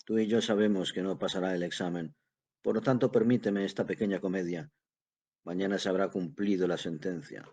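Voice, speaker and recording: A man voicing a tired grown son who speaks calmly and evenly, in a husky voice. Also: low-pitched. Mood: bitter. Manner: calm, measured reading. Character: weary, patient grown son.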